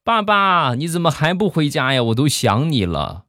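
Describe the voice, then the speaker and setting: A small child pleads and coaxes in a high, piping singsong. The voice bounces up and down with a needy whine. A man puts the voice on. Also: big pitch swings, moderate pace, bright, forceful tone, no echo, studio quality. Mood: wheedling. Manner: whiny, coaxing.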